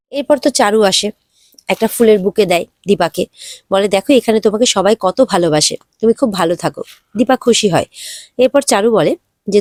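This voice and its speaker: A woman's voice: medium pitch, a little mellow, no room sound. Dry-voiced woman recapping a serial. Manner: retells dialogue with light emotion. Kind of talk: episode recap narration.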